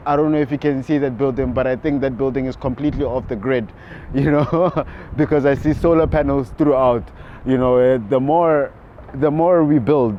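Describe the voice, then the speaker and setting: A South African man, a real estate agent, chatting casually on a city rooftop with relaxed fillers and laughs. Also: mid-range voice, dull audio, a little hiss or hum. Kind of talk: casual on-camera chat.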